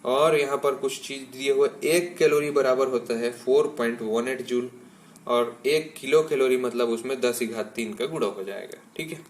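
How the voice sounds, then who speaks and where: A man's voice: medium pitch, normal speed. A male school science teacher giving a classroom lecture, explaining step by step and checking in with students after nearly every point, mixing English terms into his explanations.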